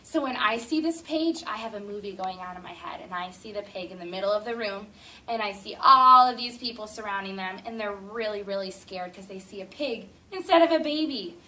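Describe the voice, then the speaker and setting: Reading aloud to her young class, a woman teacher tells a picture-book story in an expressive, drawn-out way, stopping now and then for eager questions. Her pitch is medium. The sound comes from a far-off classroom camera, with a little faint noise.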